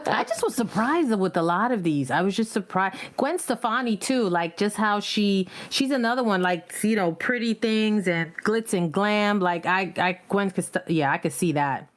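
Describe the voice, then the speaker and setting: A woman co-hosting a podcast, candidly telling animated stories in casual chat. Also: mid-range voice, normal speed, hardly any pauses. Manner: candid, animated storytelling with slang. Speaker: podcast co-host.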